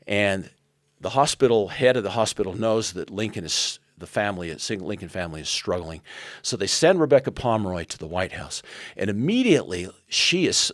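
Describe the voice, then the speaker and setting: Older guy on a podcast telling a history story, earnest, fairly low voice, dry sound. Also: sing-song, a little fast, hardly any pauses, dry recording. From United States. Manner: earnest, retells events with quoted dialogue. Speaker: podcast guest.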